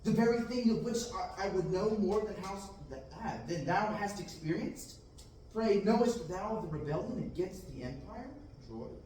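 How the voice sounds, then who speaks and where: A man reads the part of a yearning young farm boy longing for adventure in declamatory verse at an amateur Shakespearean table reading in a large classroom. His voice is high-pitched and animated, with a dark tone and normal speed. The distant room camera gives an echoey sound with a little hiss or hum.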